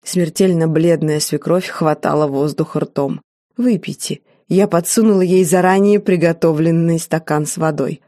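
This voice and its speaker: A woman narrating a story in the first person, in a wry, even storytelling manner. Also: low voice, normal speed, hardly any pauses, no echo, studio quality. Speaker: audiobook narrator. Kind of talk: scripted narration.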